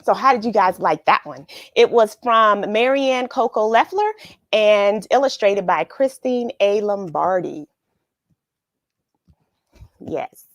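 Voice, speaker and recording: At home after reading a story, a woman hosts a children's read-along, talking slowly at a medium pitch with lively intonation. She chats casually and expressively to her young audience and muses aloud, captured in a dry, studio-quality recording.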